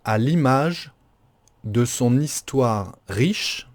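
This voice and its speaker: A man's voice: mid-range voice, expressive, extremely slow. A man dictating as a teacher does, phrase by phrase, carefully articulated, with punctuation spoken aloud and each sentence repeated.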